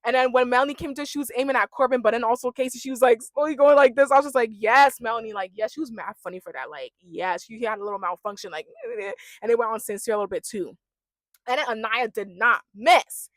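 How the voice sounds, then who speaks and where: A young woman rants in a chatty, slangy way, her voice a little higher than most. The sound is close and dry, with no room around it. She hosts her own recap vlog. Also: fast, dry recording. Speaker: reality TV recap vlogger. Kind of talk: casual rant.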